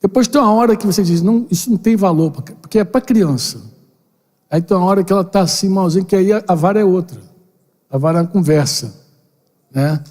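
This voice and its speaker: An older man, a pastor, giving a lively conversational sermon to a seminar, acting out little dialogues with playful slang. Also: high voice, quick pace. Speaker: pastor leading a parenting seminar. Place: church building hall. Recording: long hall reverb.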